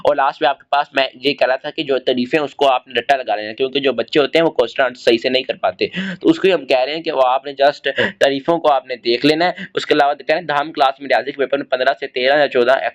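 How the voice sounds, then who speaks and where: A man's voice: mid-range voice, steady tone, quick pace, lo-fi sound. A man from Pakistan, giving students casual exam tips, often restarting and addressing them directly. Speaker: exam prep tutor.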